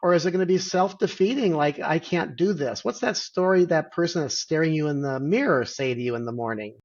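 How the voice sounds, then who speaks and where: A middle-aged man, a physician guest, explaining things in a measured way with many pauses and "and so" fillers over a video call. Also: on the high side, darkish tone, muffled recording. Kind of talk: interview answer.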